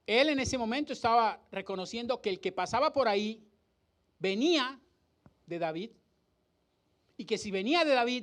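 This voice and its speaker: A man preaching a sermon as pastor, acting out scenes and asking rhetorical questions. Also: sits high. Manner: dramatic, acts out the crowd and the blind man's cries, rhetorical questions. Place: church hall.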